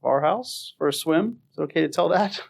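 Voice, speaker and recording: A man's voice: on the high side, animated, fairly quick, vocal fry, breathy edge. A middle-aged man co-hosting a podcast in casual chat, joking wryly at his own expense. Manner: wry, self-mocking joker. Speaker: podcast co-host.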